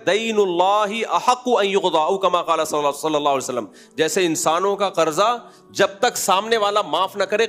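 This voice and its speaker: A man giving a religious lecture in a forceful, scolding way, mocking the other side by imitating them. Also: on the high side. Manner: forceful, scolding, mocks opponents with mimicry. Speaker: religious scholar. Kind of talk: lecture on prayer rulings.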